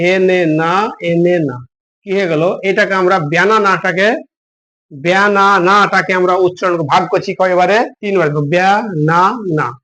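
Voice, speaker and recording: High-voiced man teaching English grammar. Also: fairly bright tone. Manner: patient, spells words out letter by letter and quizzes the class. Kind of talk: grammar lesson for students.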